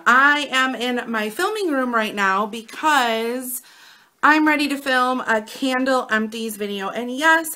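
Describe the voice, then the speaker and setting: A woman in her thirties with an American Midwestern accent and a raspy voice, chatting casually and in a rambling way to camera as a vlogger. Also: on the high side, bright, forceful tone.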